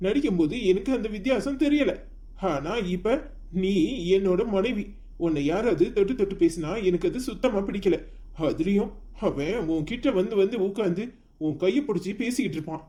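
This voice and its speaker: In a cartoon story, a woman voices a stern, jealous young husband scolding his wife. Her mid-range voice is mellow and close to everyday speech, with lively intonation and a moderate pace.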